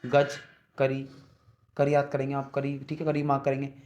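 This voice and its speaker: A young man teaching an online exam-prep lesson, repeating each word and often asking the listeners, whom he calls brother, whether it is clear. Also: mid-range voice, completely flat delivery, fast talker, darkish tone, muffled recording. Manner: repeats words and checks understanding often.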